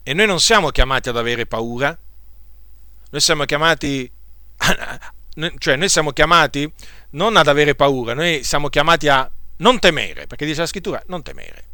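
A man's voice: on the high side, moderate pace, pushed and bright, no echo, clean studio sound. A man preaching a sermon to his congregation, asking rhetorical questions and urging them on. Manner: rhetorical questions, emphatic exhortations.

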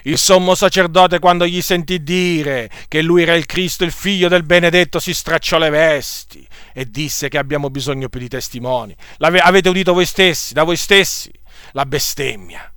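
A male preacher tells a scripture story in earnest, circling back and repeating key phrases to drive them home. His voice sits a bit high and is smooth and clear, recorded close and dry. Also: normal speed, a bit bright, dry recording. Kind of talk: sermon retelling a scripture story.

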